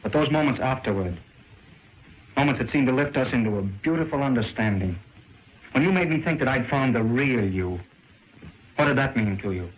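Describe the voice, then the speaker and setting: Actor as stagey old-movie man, mid-pitched, proud. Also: animated, moderate pace, long pauses, lightly acted. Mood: wounded, earnest. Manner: declamatory, earnest. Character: proud, idealistic, reproachful man, scornful of cowards. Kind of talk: stagey early-talkie film acting. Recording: dull, faintly noisy 1929 film soundtrack.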